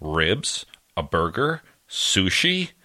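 A man with a very low, deep voice talks casually as a podcast co-host. He rambles, searches for words and trails off often, filling gaps with ums and uhs. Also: sing-song, very slow, sharp tone. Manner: rambling, trails off with many fillers. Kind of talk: casual chat.

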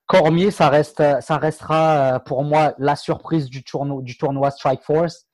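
A man talks casually about combat sports, his voice sitting a little high for a man. He hesitates, restarts and jokes along the way. The recording is close and dry, with no room sound. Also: fairly even intonation, darkish tone, no echo. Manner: halting, many fillers and restarts, playful. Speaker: MMA podcast co-host.

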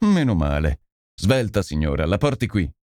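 A man voicing a brisk, commanding male detective who gives urgent orders, in an audiobook reading. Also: low voice, big pitch swings, a little mellow, dry recording, clean studio sound, voice pushed down. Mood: urgent commands. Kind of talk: audiobook character voice.

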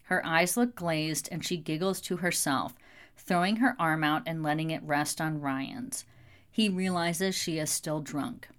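Woman reading an audiobook, lowish voice, steady and even. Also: a little slow. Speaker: audiobook narrator. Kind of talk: scripted narration.

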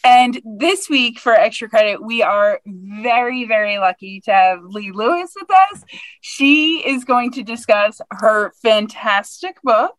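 Higher-voiced woman podcast host. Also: expressive, measured pace, a bit bright, no room sound, rough recording. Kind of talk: podcast introduction.

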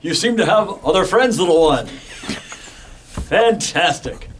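A man voicing a booming heroic male orc warrior with cheesy superhero bravado. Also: lively intonation, measured pace, noisy background. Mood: grandly welcoming.

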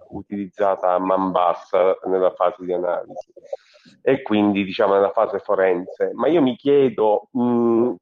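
A man calling in over a Bluetooth earpiece with lo-fi audio, asking a question in a hesitant way with many fillers. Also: on the low side. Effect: lo-fi audio over a Bluetooth earpiece call. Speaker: caller joining the live discussion. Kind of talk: asking a question on a live stream. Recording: dull lo-fi call audio.

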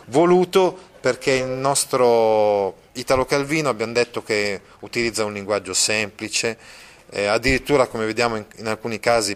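A man giving a literature lesson, reading passages aloud and explaining them patiently, with many drawn-out fillers. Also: medium pitch, fairly bright tone, smooth. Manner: explains patiently, checks in with listeners. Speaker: literature teacher.

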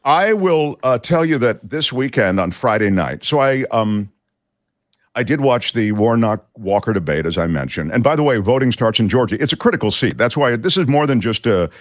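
Casual male host, fairly low and very animated, dry booth sound, loose digressive delivery. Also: normal speed, dry recording. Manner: chatty, digressive, many fillers. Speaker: talk show host. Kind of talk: casual political commentary.

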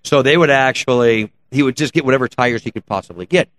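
A man's voice: mid-range voice, quick pace, a bit bright. A man chatting casually as an interview guest, telling car stories in colloquial, slangy shop talk. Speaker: guest, race car builder and shop owner. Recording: clear background noise and ambience. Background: ambient noise.

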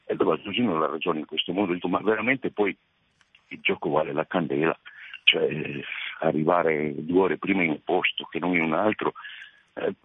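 A man's voice: sits low, breathy edge, no room sound. A man in his eighties calling in to a radio show by phone, rambling and chuckling as he talks. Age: 80s. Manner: rambling, chuckling, restarts mid-thought. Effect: over the phone. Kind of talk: casual call-in chat. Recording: narrow dry phone line.

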